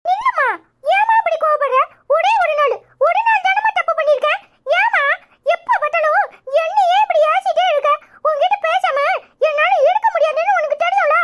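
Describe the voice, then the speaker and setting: Type: cartoon. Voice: very high-pitched chatterbox schoolgirl with a Tirunelveli accent. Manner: whiny, pleading, nonstop. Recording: noisy. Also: a little fast. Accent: Tirunelveli Tamil. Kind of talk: cartoon voice acting.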